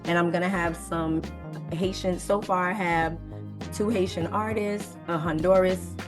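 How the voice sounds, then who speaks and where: A woman's voice: lowish voice, fairly even intonation, measured pace, over music. A woman chatting casually about an event she is organizing, rambling with many fillers. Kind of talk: casual chat.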